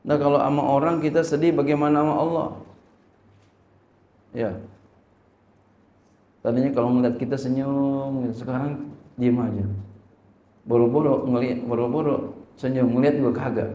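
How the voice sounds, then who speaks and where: A man's voice: medium pitch, steady tone, moderate pace, long pauses, dark tone, roomy sound, lo-fi sound. A male Islamic teacher teaching a religious lesson. He reads Arabic text, translates it and asks rhetorical questions.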